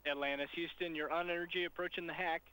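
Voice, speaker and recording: A man's voice: fairly high pitch, steady tone, fast, bright, forceful tone, clean tone, poor audio. A man making short, clipped mission control call-outs over a space-to-ground radio link.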